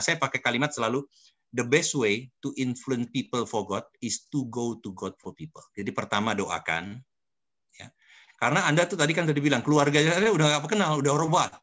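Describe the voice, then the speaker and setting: A man's voice: medium pitch, pushed and bright. An older man, a pastor, teaching a church study group and telling personal stories, often addressing listeners directly. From Indonesia. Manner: addresses listeners as "Saudara", storytelling.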